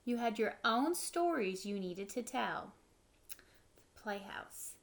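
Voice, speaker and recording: Slow and expressive, a woman's voice on the high side carries through an indoor living room. She's in her thirties, reading a picture book to children like a teacher, with short, simple asides explaining things.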